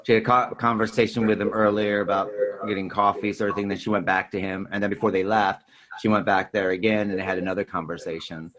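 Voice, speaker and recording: Fast and level in tone, a man with a fairly low, somewhat bright voice hosts a film-discussion podcast. His talk is loose and rambling, often padded with "you know" and "sort of thing."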